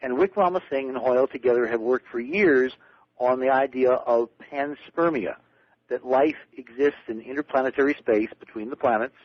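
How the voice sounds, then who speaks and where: A middle-aged man, a guest on a late-night radio show, telling stories excitedly and repeating words as he gets going. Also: mid-range voice, moderate pace, dry recording. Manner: excited storyteller, repeats words when starting. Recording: dull lo-fi radio broadcast.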